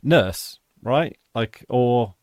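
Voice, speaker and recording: A man's voice: medium pitch, expressive, drawn-out words, no echo, studio quality. A man from Britain co-hosting a casual podcast chat, rambling and jokey, often breaking off mid-sentence. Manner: rambling, self-interrupting, jokey. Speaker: podcast co-host.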